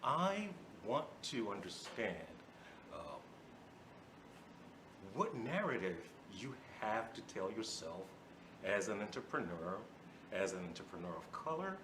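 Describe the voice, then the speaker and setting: A man's voice: on the low side, sing-song, measured pace, roomy sound, background noise. A young man from Ghana, a student moderating a Q and A, speaking hesitantly with many fillers. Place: event hall.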